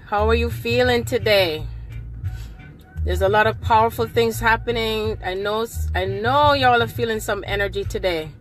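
Filming herself on an impromptu nighttime live video inside a car, this middle-aged woman, a spiritual livestreamer, fervently repeats affirmations at a normal pace. Her voice sits on the high side and is slightly nasal from a cold. The phone is held at arm's length, with faint music behind her.

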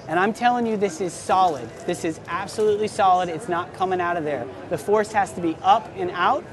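A man's voice: high-pitched, a crowd in the background. Upbeat young man demoing at a trade show. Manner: enthusiastic, salesy, quick-talking. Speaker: surf shop host. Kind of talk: trade show product demo. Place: busy indoor expo hall booth.

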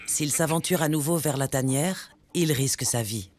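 A man reads scripted nature documentary narration in a measured, dramatic storytelling way. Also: fairly high pitch, a little mellow, slight background noise. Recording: music bed under the narration. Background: background music, animal sounds.

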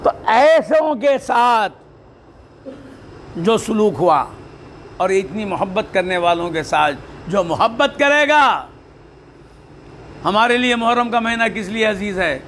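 A man's voice: high-pitched, lively intonation, takes it slowly, pauses often, fairly bright tone, slight background noise. A man delivering a sermon as a preacher. He asks rhetorical questions, answers them himself and recites Arabic verses. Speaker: Sufi preacher.

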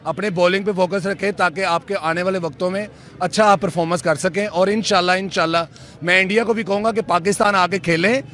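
At night outdoors in a crowd, a young male cricket fan gives an impassioned street opinion into the interviewer's handheld mic. His high, bright voice holds a steady tone and moves fairly quickly. He is fervent and preachy, often invoking God.

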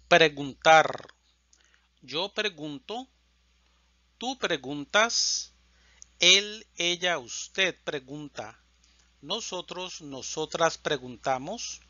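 A man teaching Spanish, reciting verb conjugations in a slow, deliberate drill and stressing each verb form. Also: a little high, lively intonation, pushed and bright, no echo, dull audio.

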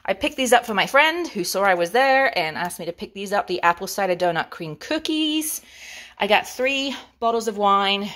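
A woman's voice: mid-range voice, a bit bright. English-accented woman, grocery haul vlogger, chatty and playful, savors every item. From England. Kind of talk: grocery haul show-and-tell.

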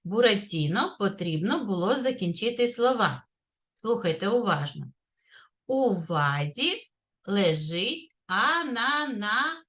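A woman kindergarten teacher with a Ukrainian accent, leading a literacy lesson for young children in a classroom, speaking clearly and praising the children often. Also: mid-range voice, animated, pushed and bright. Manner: slow, clear, sing-song teacher talk, praising often.

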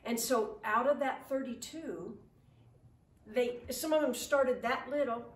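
A woman's voice: on the high side, a little slow. Earnest woman speaking in a roomy living room. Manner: earnest, encouraging, gesturing while speaking. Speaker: ministry speaker at school chapel. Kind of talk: chapel talk. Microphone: far camera. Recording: roomy, distant camera audio with faint noise.

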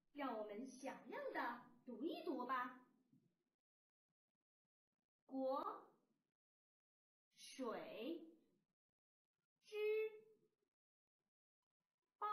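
A woman primary school teacher giving a recorded lesson to young children, speaking in a slow, sing-song, encouraging way. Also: high voice. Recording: roomy and distant from the mic.

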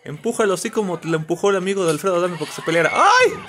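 A man giving comedic reaction commentary on video clips, teasing and animated. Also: high voice, rapid-fire, a little hiss or hum. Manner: animated, mocking, bursts into shouts and laughter.

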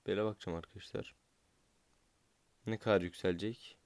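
A man's voice: sits low, steady tone, fairly quick, vocal fry, darkish tone, dry recording. A young man from Turkey doing gaming commentary, impatient and swearing at the game as he opens loot boxes. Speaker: gaming YouTuber.

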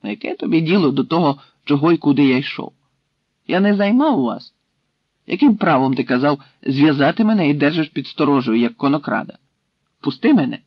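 A man's voice: fairly high pitch, big pitch swings, fairly quick, breathy edge, no room sound, full character voice. A man voicing a proud young Tatar captive who insists defiantly, in a dry, slightly dull recording.

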